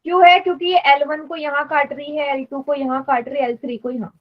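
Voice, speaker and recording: A woman's voice: high voice, steady tone, a little fast, highs cut off. A woman teaching math in a live online class, patiently explaining and quizzing students. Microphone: online class stream.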